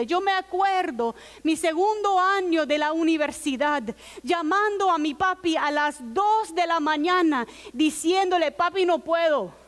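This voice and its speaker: Woman pastor, high voice, unhurried sermon delivery, earnest storytelling. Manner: earnest, personal storytelling with quiet quoted asides.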